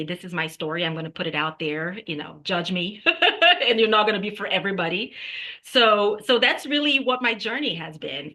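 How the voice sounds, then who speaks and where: Bright-voiced woman reflecting on music. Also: on the low side. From Brazil. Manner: reflective, halting with fillers, frequent "right?". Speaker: singer-songwriter guest. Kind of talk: casual interview talk.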